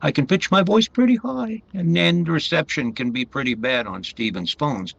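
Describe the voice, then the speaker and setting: A man playing a meek, cornered murderer confessing in a radio detective drama, halting and apologetic. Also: a little high, expressive, creaky, fairly bright tone, dry recording, lo-fi sound, exaggerated voice. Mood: remorseful, panicked.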